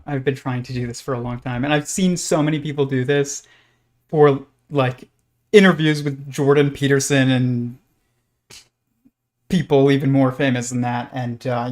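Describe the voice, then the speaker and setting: A man hosts a live stream as a loose, casual monologue. He rambles and halts as he goes, at a middling pitch. Scratching from pet lizards can be heard in the background. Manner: halting, rambling delivery.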